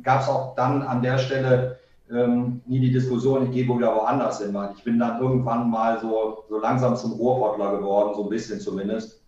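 An older man from Siegerland, a former football player joining as a guest over a laggy low-bandwidth call, talking in a halting way with many fillers. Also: darkish tone. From Siegerland, Germany. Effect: laggy low-bandwidth remote call line. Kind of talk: casual chat. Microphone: remote video call. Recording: echoey, distant, dull call audio.

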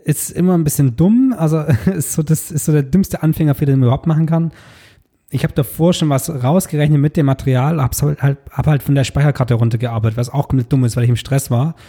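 A man's voice: a little high, fast talker, mellow. A young man co-hosting a podcast in casual, conversational chat. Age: young adult. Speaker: podcast co-host.

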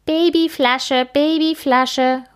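Woman as a bully girl in a children's story, shrill and mocking. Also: steady tone, takes it slowly. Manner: taunting, mocking. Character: mean bossy kindergarten girl.

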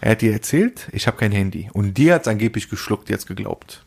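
Gravelly man telling a story casually. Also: on the low side, a little fast. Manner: animated storyteller, acts out phone calls, slangy. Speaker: podcast co-host.

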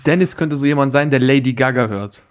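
A man's voice: medium pitch, fairly quick, smooth. Teasing young man, slangy chat. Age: young adult. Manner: teasing, slangy, pushy questions. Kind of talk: casual chat.

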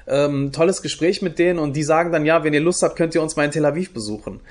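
Speaking fast, this young German youth project leader fields interview questions as a guest, thoughtful but full of fillers and restarts. His voice leans high with a darkish tone.

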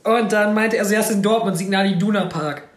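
A man's voice: sits high, steady tone, quick pace. A man in casual chat, telling rambling, slangy anecdotes and acting out the dialogue. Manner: slangy, rambling storyteller who acts out dialogue. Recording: roomy echo.

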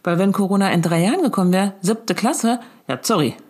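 A woman's voice: medium pitch, animated, brisk, darkish tone. A mother in her thirties telling a comic voice-message story, colloquial and chatty, mock-lecturing and switching into acted-out dialogue. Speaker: mother of a schoolchild.

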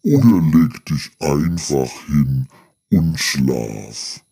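A man doing a deep, weary inner voice. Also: animated, creaky, warm tone, breathy edge, full character voice. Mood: defeatist. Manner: slow, heavy, resigned. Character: deep weary male inner voice urging surrender.

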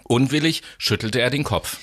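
A man narrating a children's story in a lively, expressive reading voice. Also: medium pitch, moderate pace.

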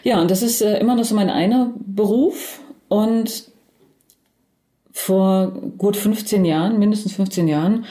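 A woman's voice: mid-range voice, unhurried, mellow, echoey room. A woman in her forties, a crime novelist and dubbing director, talking casually in a podcast interview with many fillers and restarts.

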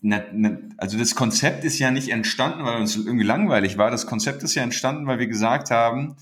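A man's voice: medium pitch, fairly quick. A man co-hosting a podcast, chatting casually and animatedly, retelling conversations. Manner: animated, storytelling with acted-out dialogue. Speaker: podcast co-host.

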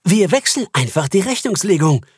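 A man voicing a proud, self-satisfied finance chief of a bank, eager and a little sheepish, with a husky voice. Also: high-pitched, big pitch swings, moderate pace, no room sound, studio quality, pitched above the performer's own voice, exaggerated voice.

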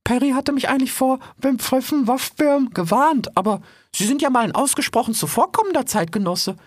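Woman doing a prim polite mouse, high voice, dry close sound. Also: lively intonation, brisk, no room sound. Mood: grateful. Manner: very polite, formal and eager. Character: polite, chatty female mouse surveyor. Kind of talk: audio drama acting.

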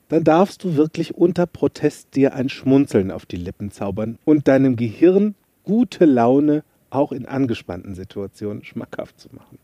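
A podcast host and coach, a man with a mellow, medium-pitched voice, delivers a casual motivational monologue. He's chatty and pokes fun at himself while telling a story and sharing motivational tips. There is no echo.

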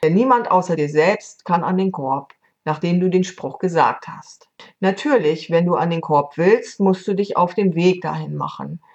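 A woman doing a wise, gentle fairy. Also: on the low side, normal speed, muffled recording, close to an everyday voice. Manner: gentle, instructive. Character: wise, kind female fairy giving counsel.

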